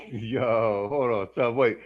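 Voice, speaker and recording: A man's voice: mid-range voice, slow pace, very noisy. A man hosting a live panel show in a loose, conversational way. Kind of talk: casual chat. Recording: dull lo-fi audio.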